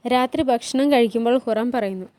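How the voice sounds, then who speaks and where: A woman's voice: on the high side, fairly quick, a little mellow, no room sound. A woman retelling a TV drama as a story, reading every character's lines in her own voice and rising for cries and pleas. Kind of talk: storytelling narration with voiced dialogue.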